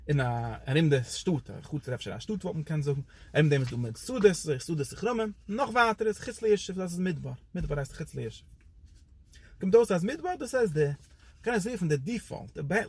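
A man teaching a Torah lecture in a loose, rambling way, his voice jumping up and down for emphasis. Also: breathy edge. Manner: animated, pitch jumps up and down for emphasis.

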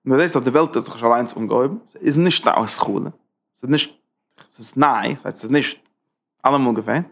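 A man's voice: mid-range voice, fast, gravelly. A man teaching a Torah class as a rabbi, driving his points with rhetorical questions and emphatic repetition. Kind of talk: Torah lecture.

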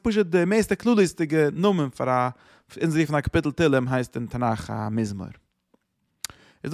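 A man's voice: on the high side, dry recording. Man teaching Psalms, dry close sound. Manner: mixes Hebrew, Yiddish and English terms into loose, searching speech. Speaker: Torah teacher. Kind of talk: explaining Psalms in a lesson.

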